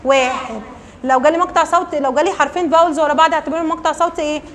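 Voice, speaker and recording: A woman teacher with an Egyptian Arabic accent explains a lesson to young children in a very high voice. She keeps asking the class to repeat answers and calls pupils by name. A faint hiss sits under her voice. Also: steady tone, very fast. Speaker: primary school English teacher.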